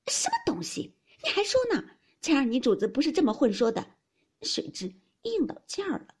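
A woman voicing a proud young maidservant who bursts out in sharp, indignant protest, with a husky, breathy voice. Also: medium pitch, sing-song, moderate pace, heavily acted. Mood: angry.

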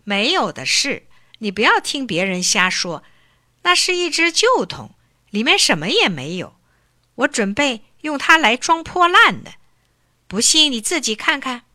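Lady putting on a shrill sly official, high squeaky voice, fussy and snappy, storybook. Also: very animated, unhurried, sharp tone, no room sound, studio quality, exaggerated voice. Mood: scheming, exasperated. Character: greedy male county magistrate, cunning and flustered.

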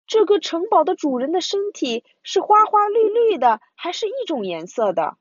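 A woman's voice: very high-pitched, sing-song, moderate pace, no room sound, lo-fi sound, pitched above the performer's own voice. A woman voicing a clever, curious little boy bear cub in a storybook reading. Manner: bright, eager questioning.

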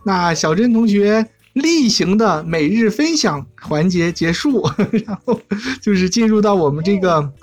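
A woman with a mid-pitched voice hosts a live show as a casual chat. She is talkative and giggly, with music playing softly behind her.

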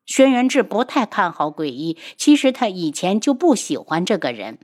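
Female audiobook narrator, mid pitch, animated storytelling. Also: moderate pace. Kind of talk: scripted narration.

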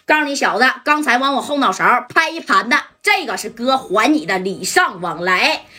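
A woman's voice: fairly high pitch, lively intonation, moderate pace, pushed and bright, breathy edge, exaggerated voice. A woman voicing a swaggering, boastful male gang boss, speaking in a coarse, threatening way. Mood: menacing.

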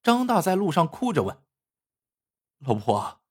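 A man telling a folk tale with a lively storyteller's cadence. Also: high voice, a little fast, husky.

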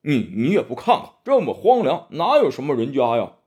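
A man's voice: mid-range voice, wildly swooping pitch, normal speed, darkish tone, voice pushed up. A man voicing Zhu Bajie, a boastful, lazy pig-faced monk who squabbles and blusters, in a storybook reading. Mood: defensive. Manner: blustering, quarrelsome.

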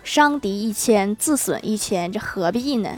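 A woman hosting a show, telling scripted jokes briskly and laughing at the punchlines. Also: mid-range voice, lively intonation. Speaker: host. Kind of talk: scripted joke narration.

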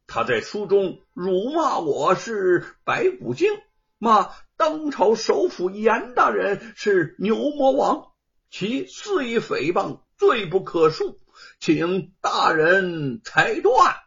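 A man's voice: sits high, sing-song, slow, creaky, fairly bright tone, husky, pitched above the performer's own voice, full character voice. A man doing a blustering rich villain. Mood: indignant. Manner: blustering, indignant, declaiming. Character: pompous wealthy male villain accuser, loud. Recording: dull lo-fi recording.

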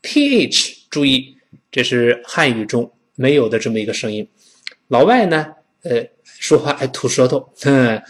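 A middle-aged man from China teaching a spoken English lesson, demonstrating pronunciation slowly and repeatedly. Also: medium pitch.

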